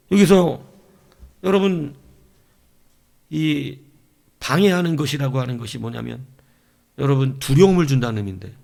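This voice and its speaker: Gravelly, animated male preacher. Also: a little high. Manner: lively preaching, acting out the devil's taunts. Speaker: pastor. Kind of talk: sermon.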